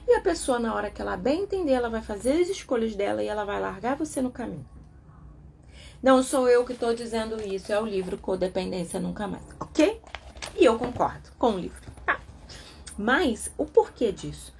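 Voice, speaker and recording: A woman's voice: fairly high pitch, normal speed, creaky, a little hiss or hum. A Brazilian woman hosting a live talk on codependency, asking herself rhetorical questions and acting out the voices of others. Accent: Brazilian Portuguese. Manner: animated, rhetorical, acts out quoted voices. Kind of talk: casual live talk about a self-help book.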